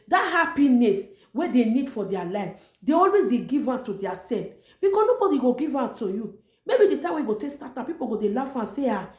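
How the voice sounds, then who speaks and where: Woman, Nigerian accent, Nigerian Pidgin, higher-pitched, swooping intonation, emphatic repetitive motivational vlog talk. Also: a little mellow. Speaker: online motivational vlogger. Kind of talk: informal motivational talk to camera. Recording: echoey room.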